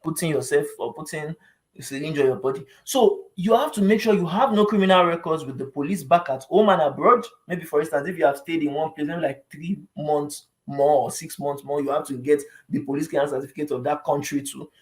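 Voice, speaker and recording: A man with a Nigerian accent and a fairly high, brisk voice gives informal advice in a vlogger's style. He's conversational and emphatic, often repeats phrases, and keeps checking that the listener is following.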